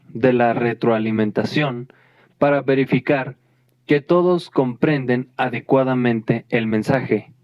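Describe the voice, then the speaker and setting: A man's voice: mid-range voice, dry recording. Man presenting a lesson to a class, direct, self-correcting, muffled dry recording. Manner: talks straight to listeners, restarts and self-corrects.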